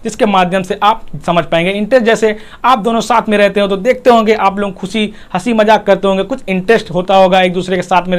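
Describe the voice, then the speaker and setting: A man, a motivational speaker, giving a talk on marriage that he lays out in numbered points with everyday examples, sometimes lifting into emphatic rhyming lines. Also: sits high.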